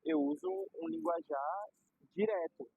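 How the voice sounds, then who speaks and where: Gravelly young Brazilian man, animated. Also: high-pitched, a little slow. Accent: Brazilian Portuguese. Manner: animated, slangy, explains with everyday examples. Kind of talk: casual conversation. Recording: dull lo-fi recording.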